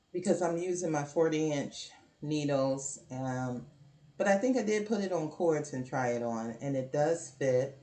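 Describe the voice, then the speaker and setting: A woman's voice: low-pitched, warm tone, echoey room. A woman hosting her own knitting podcast, chatting casually and apologetically from home with lots of ums and restarts. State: hiccups. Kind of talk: casual show-and-tell chat.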